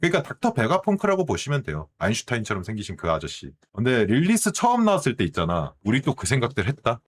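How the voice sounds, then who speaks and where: A man streaming, chatting casually in an animated way and often asking his viewers questions. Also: mid-range voice, fast talker. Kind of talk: casual commentary.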